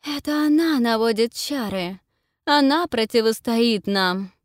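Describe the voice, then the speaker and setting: A woman voicing an evil tree that rules winter creatures, barking loud commands in an audiobook. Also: on the high side, animated, unhurried, no echo, clean studio sound, pitched above the performer's own voice. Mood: commanding. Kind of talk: audiobook reading.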